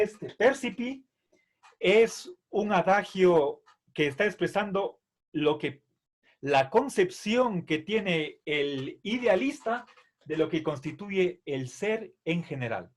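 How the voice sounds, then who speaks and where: A man teaching a philosophy class, explaining terms patiently with many fillers and checks for understanding. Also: high-pitched. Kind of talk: online philosophy lecture.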